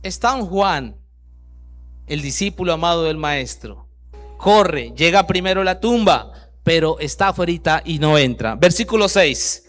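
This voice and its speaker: A man preaching a sermon, reading scripture aloud and breaking in with rhetorical questions, swinging from loud bursts down to very soft lines. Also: fairly high pitch, expressive, a little slow, faint music behind. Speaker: pastor.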